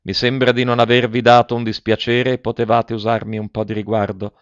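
A man's voice: mid-range voice, monotone, a little fast, smooth, no room sound, natural voice. A man voicing a timid, pleading old wife. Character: frail, feverish, pleading elderly wife. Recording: dull dry lo-fi recording.

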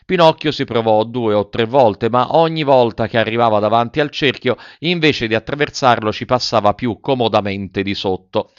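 A man reads a storybook aloud in a lively, expressive manner. His voice is smooth and clear, at a middle pitch. The recording is dry and a bit dull. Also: normal speed, hardly any pauses, no echo. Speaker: narrator. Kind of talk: audiobook reading of a classic tale.

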